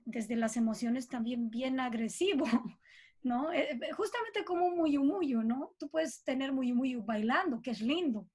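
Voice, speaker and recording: With a high voice and a Bolivian accent, this middle-aged Bolivian composer answers an interview informally, musing out loud in a thoughtful, expressive way.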